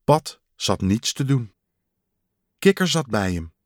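A man reading a children's story aloud, unhurried and deliberate. His pitch moves widely as he tells it, and the recording is close and dry. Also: dry recording. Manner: slow, expressive storybook reading.

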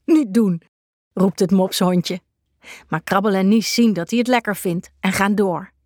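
Woman, storybook narration, calm, clear, dry close sound, mid pitch. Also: moderate pace, no room sound. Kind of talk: storybook reading.

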